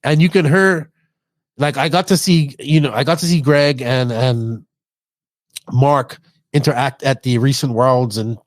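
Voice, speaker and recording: A man's voice: mid-range voice, fairly even intonation, a little slow, no echo. Male podcast host, Bermudian accent, chatty and informal, unscripted delivery. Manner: talkative, informal, toned-down accent. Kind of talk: casual podcast talk.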